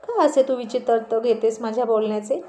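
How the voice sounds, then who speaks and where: A woman's voice: a little high, brisk, warm tone, natural voice. A woman voicing a playful teasing husband. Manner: teasing, coaxing.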